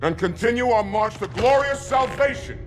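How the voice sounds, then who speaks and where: An actor playing a stern, devout alien military commander with a proud, oratorical manner in a cinematic video game. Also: male voice, extremely high pitch, lively intonation, normal speed, very noisy. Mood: rousing, zealous.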